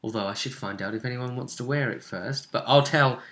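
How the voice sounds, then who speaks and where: A man with a medium-pitched, fairly quick voice recaps a tabletop role-playing session as its game master. He chats casually and playfully, staying animated and acting out moments from the game.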